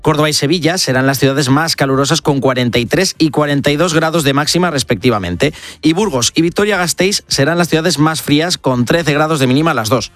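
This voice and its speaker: A man from La Mancha co-hosting a late-night radio show, chatting cheerfully and reading the weather briskly. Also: on the high side, fairly bright tone, no room sound. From La Mancha, Spain. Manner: brisk, cheerful, reads forecasts fluently. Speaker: radio co-host, weather presenter. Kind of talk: radio chat and weather report. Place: radio studio.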